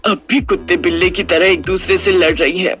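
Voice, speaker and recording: A woman voicing a worried mother who has become a witch spirit, speaking low and fretfully. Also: steady tone, a little fast, a bit bright, faint music behind, close to an everyday voice. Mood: anxious. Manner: low, fretful, scolding muttering. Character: worried widowed mother turned ghostly witch.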